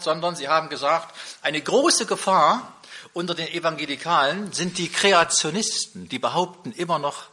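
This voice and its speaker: A man's voice: on the high side, sharp tone. A middle-aged man preaching a sermon, emphatic, with repeated rhetorical questions.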